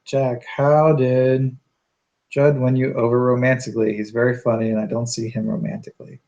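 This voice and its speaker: A man's voice: mid-range voice, level tone, normal speed, darkish tone, muffled recording. Young man in his twenties, co-host; dry teasing humor, casual chat. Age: 20s. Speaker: co-host, soldier. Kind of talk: casual live stream chat.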